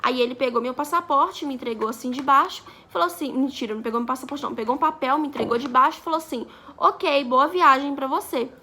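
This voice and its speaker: Bright, high-voiced young woman vlogger. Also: rapid-fire, hardly any pauses, slight background noise. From Brazil. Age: 20s. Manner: chatty, acts out quoted dialogue. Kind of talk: casual storytelling vlog.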